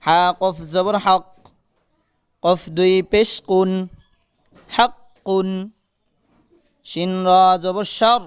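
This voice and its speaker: Male Quran reading tutor, high voice, spells each letter and vowel mark and chants the syllable, adds short rules. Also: steady tone, drawn-out words, pauses often, smooth. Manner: adds brief spoken rule explanations between drills. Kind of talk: slow spelled-out Quran recitation lesson.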